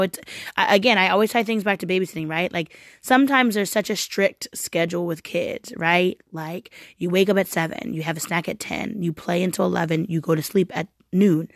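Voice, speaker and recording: A woman's voice: on the low side, fairly quick, no echo, studio quality. A woman talking casually and heartfeltly about faith and church, often saying "like" and "right?". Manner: heartfelt, animated, frequent "like" and "right?".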